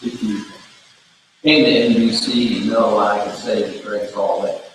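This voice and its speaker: A man's voice: lowish voice, fairly even intonation, normal speed, slight background noise. A man preaching a sermon in a folksy, conversational storytelling way, in a church sanctuary. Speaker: pastor. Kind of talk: sermon with a joke. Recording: echoey church hall from far off.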